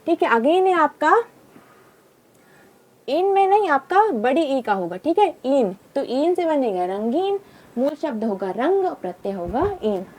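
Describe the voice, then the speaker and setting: Young woman teacher, high voice, drills examples over and over and keeps saying remember this. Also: big pitch swings, measured pace, a little mellow. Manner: repetitive, drilling with reminders and quiz questions. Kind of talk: grammar lesson.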